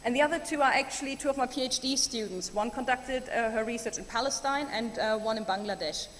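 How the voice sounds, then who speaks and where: With a fairly high, fairly bright voice and a fast delivery, a German woman gives an upbeat, conversational keynote packed with ums. The large conference hall lends reverb, and faint room noise sits underneath.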